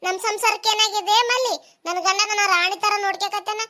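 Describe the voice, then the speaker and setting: Woman doing a shrill fiery village wife. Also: steady tone, a little fast. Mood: indignant. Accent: North Karnataka Kannada. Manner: scolding, sharp-tongued. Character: fiery village wife faking her death.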